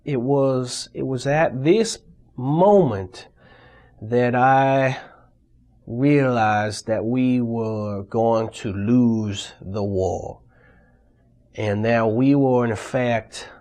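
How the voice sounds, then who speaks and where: A man interviewed in a mock documentary, telling his war story in an earnest, halting way. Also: medium pitch, darkish tone.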